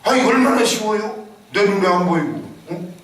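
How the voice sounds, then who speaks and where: A man preaching a Sunday sermon as senior pastor, emphatic and dramatic, firing rhetorical questions at his congregation and sometimes shouting. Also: high voice, lively intonation, moderate pace. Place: church sanctuary. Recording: echoey hall, distant mic.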